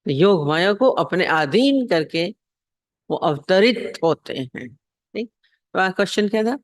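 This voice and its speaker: A man delivers a devotional scripture discourse as a spiritual teacher. He repeats phrases and puts rhetorical questions to his listeners, in a voice high for a man. The sound is dry, with no room echo. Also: animated, unhurried.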